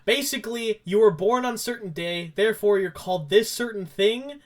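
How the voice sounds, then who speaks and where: A young man with a rather high voice co-hosts a casual podcast. He tells loose, rambling stories, doubling back often and leaning on fillers as he goes. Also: normal speed. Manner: rambling storytelling full of fillers and self-corrections. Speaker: podcast co-host. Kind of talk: casual chat.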